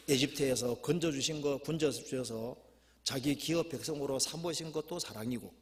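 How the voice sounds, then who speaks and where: A man preaching a sermon as a pastor, who reads scripture slowly and with emphasis, then explains it in plain talk. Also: mid-range voice, pushed and bright.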